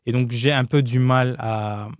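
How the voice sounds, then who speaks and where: A man speaking French as a second language with a foreign accent, talking casually and candidly as a podcast guest, often pausing and rephrasing. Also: medium pitch, steady tone, smooth, dry recording. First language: not French. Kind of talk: casual, candid interview talk.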